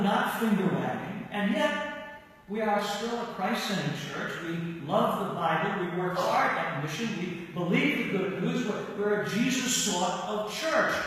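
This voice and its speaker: A man preaching a sermon as pastor at a pulpit microphone, speaking in emphatic lists and dropping low on key words. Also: a bit bright. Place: large church sanctuary. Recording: echoey church hall from far off.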